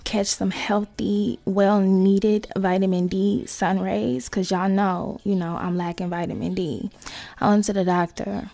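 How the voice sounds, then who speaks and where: Slow, creaky-voiced woman podcaster chatting. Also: medium pitch, flat delivery, mellow, no echo. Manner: slangy, swearing, conversational asides to listeners. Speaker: podcast host. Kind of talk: casual solo podcast chat.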